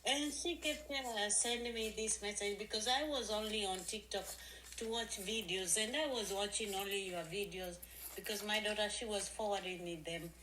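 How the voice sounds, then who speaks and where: A woman's voice: mid-range voice, steady tone, normal speed, a bit bright, a little hiss or hum, low-quality recording. A woman in her forties chatting casually on a live stream, effusive and repeating herself, talking into her phone. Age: 40s.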